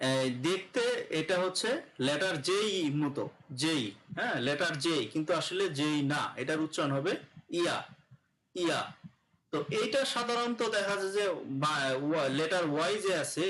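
A man leads an online pronunciation lesson in a fairly high voice. He explains slowly, repeats each sound several times and leans on fillers as he goes. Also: a bit bright, rough recording. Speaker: English pronunciation teacher.

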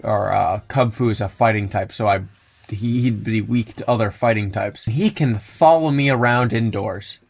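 A man's voice: on the low side, normal speed, vocal fry, husky. A young adult man giving wry, joking commentary over a video game, often chuckling at his own asides. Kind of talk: let's play commentary.

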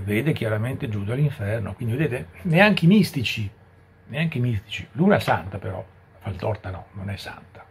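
A male preacher giving a catechesis talk, his voice very husky and rough with a gravelly edge. He speaks at an ordinary pitch and keeps turning to the listeners with rhetorical asides. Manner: conversational, with frequent rhetorical asides.

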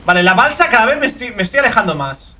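A young man from Spain narrates his gameplay in a high, bright voice that swings up and down all the time. He talks excitably, curses freely and breaks into shrieking outbursts. A faint hum of room noise sits under his voice. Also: fast talker. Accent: Spain Spanish. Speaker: gaming video creator. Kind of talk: let's play commentary.

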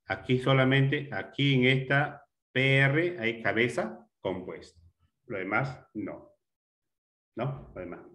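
A male teacher giving a classroom grammar lesson, explaining step by step, repeating words and often checking with a quick question. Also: medium pitch, fairly bright tone.

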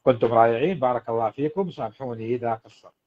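A man's voice: medium pitch, very fast, narrow, tinny audio. A man, a marriage coach giving earnest advice to husbands on a livestream. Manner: earnest, exhorting, addresses husbands directly. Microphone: livestream setup.

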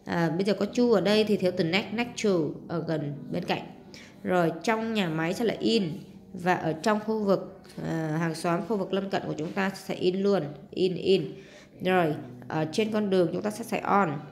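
Speaking at a moderate pace with vocal fry, this woman has a lowish, slightly mellow voice and a Southern Vietnamese accent. She leads a homework walkthrough lesson, explaining each step, translating English words and tacking on sentence-end particles.

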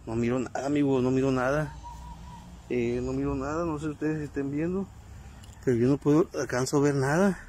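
A man with a Mexican accent hosting a ghost-hunting vlog in a cemetery at night, nervously calling out questions to a spirit and speaking to his viewers in a hushed voice. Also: medium pitch, fairly even intonation, fairly quick, slight background noise. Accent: Mexican Spanish. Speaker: paranormal vlogger.

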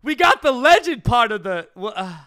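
A young man giving loud, excitable commentary while opening game packs, jumping between shouted hype and muttered swearing. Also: very high voice, normal speed. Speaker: gaming YouTuber opening packs.

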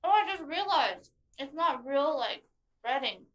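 A woman's voice: high-pitched, big pitch swings, a little slow, fairly bright tone. A woman eating and chatting casually with her brother at a table at home, enthusiastic and laughing a lot. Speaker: guest, vlogger's sister. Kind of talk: casual mukbang chat.

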